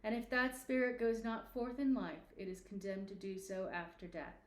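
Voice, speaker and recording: A woman's voice: mid-range voice, level tone, moderate pace, reverberant, natural voice. A woman voicing the stern, mournful ghost of a dead businessman in a storybook reading, speaking in solemn, formal declamation.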